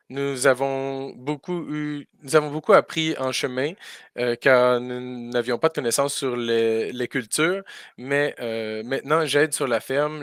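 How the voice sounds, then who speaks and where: A man's voice: mid-range voice, a bit bright, clear, resonant tone, dry recording, clean studio sound. A man doing live spoken interpretation for a school farm tour, hesitating often with fillers and restarts.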